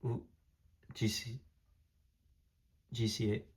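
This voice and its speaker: Touring the room that holds his diecast collection, a young Taiwanese man whose native language is Hokkien rambles casually, full of fillers and restarts. His voice is fairly low and monotone, and he speaks slowly.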